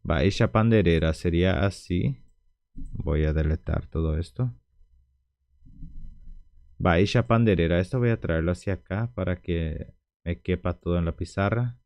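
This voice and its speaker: A man's voice: low-pitched, a little slow, pauses often, a little mellow, no echo. A man teaching a language lesson at a whiteboard, speaking patiently and repeating words for practice.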